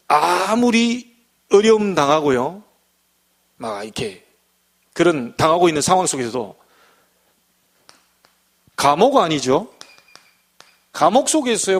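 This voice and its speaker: A man delivers a church sermon, pitched a little high and full of animated rises and falls. He preaches in an easy, conversational way and keeps slipping into acted-out bits of everyday talk. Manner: lively, conversational preaching, acting out little scenes. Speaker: pastor.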